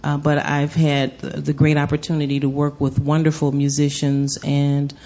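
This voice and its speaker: A woman's voice: sits low, monotone, moderate pace, dark tone. A woman from Chicago, a jazz vocalist, telling stories in a live radio interview at a venue. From Chicago, United States. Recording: slightly dull lo-fi sound.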